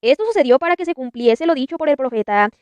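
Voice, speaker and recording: A woman reading scripture aloud in a measured, deliberate narration. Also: high voice, expressive, darkish tone, clean tone, no room sound. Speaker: Bible narrator.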